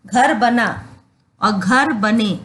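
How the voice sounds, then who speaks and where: A woman's voice: on the high side, a bit bright. A woman teacher explaining a grammar lesson, saying each example word twice and spelling out the rules step by step. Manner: repeats each example word slowly and deliberately.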